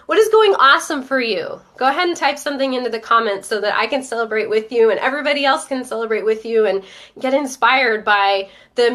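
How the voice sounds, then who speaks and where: A stuffy-nosed woman hosts a live stream, her slightly high voice upbeat and chatty. She talks straight to her viewers and reads out their comments as they come in. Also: a bit bright. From Northern Virginia. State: stuffy, coming down with a cold. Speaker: host of a live-streamed show. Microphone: webcam or phone on a live stream.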